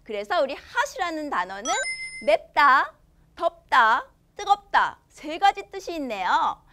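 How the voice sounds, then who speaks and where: With big pitch swings and a bright, forceful tone, a high-voiced woman in her thirties reads a storybook in a children's English lesson, filmed in a studio against a green screen. She exaggerates and slows each English phrase, then cheerfully explains in Korean, gentle-paced and cheerful for kids.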